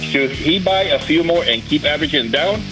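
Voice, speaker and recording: A man's voice: a little high, animated, brisk, over music, rough recording. A man calling in to a stock show, polite and reading out a prepared question. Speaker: caller, parent. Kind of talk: phone-in question.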